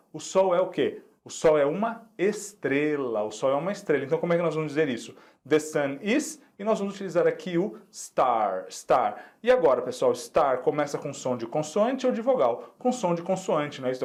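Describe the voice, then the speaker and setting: A man teaching English in a recorded online lesson, explaining exercises and repeating the example sentences slowly and clearly. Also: fairly high pitch, sing-song, a little mellow.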